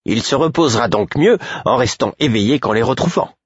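A man reading an audiobook voices a stern, irritable old woman healer who barks sharp, scolding orders. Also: high voice, wildly swooping pitch, slow pace, gravelly, breathy edge, dry recording, clean studio sound, voice pushed up, heavily acted.

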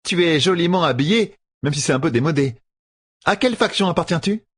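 A man voicing a cold, sly female merchant who mocks and pries, pitched far above his own voice. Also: expressive, a little fast, a bit bright, breathy edge. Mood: mocking. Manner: mocking, probing.

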